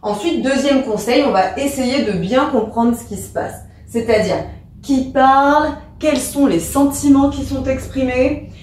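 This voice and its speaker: A woman's voice: high voice, a little slow, a little mellow, distant mic, slight background noise. Teacherly woman in an echoey room. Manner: patient, teacherly, step-by-step. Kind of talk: explanatory lesson.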